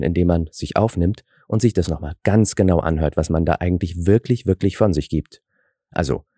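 Hosting a scripted solo podcast, a man who grew up in Germany and whose first language is Russian reflects and explains, now and then poking fun at himself. His voice is low and mellow. The clean studio sound has no echo.

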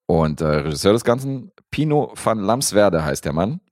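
A man co-hosting a podcast, reviewing a film in a relaxed, rambling way with lots of fillers. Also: sits low, moderate pace, dry recording, clean studio sound. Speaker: podcast co-host reviewing films. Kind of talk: casual chat.

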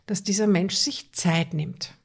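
A woman's voice: fairly low pitch, unhurried, gravelly, breathy edge. A woman coach in an interview, talking earnestly and repeating words for emphasis. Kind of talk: conversational interview.

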